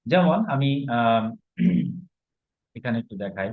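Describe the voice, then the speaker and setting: A man's voice: mid-range voice, animated, slow pace, vocal fry. Guy teaching grammar online, patient, keeps asking the class questions, kinda dull lo-fi sound. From Bangladesh. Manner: patient, explains step by step with rhetorical questions. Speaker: Sanskrit teacher. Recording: slightly dull, lo-fi recording.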